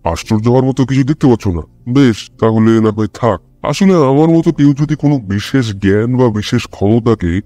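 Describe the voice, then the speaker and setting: Man doing brilliant detective, restless, measured reasoning, low mellow voice, dry sound. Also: dry recording, lightly acted.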